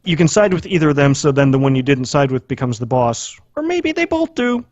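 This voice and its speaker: A man co-hosts a casual video game podcast in a medium-pitched, darkish voice that swings widely in pitch and runs a little fast. He's blunt, foul-mouthed and hyperbolic. The sound is lo-fi with no echo.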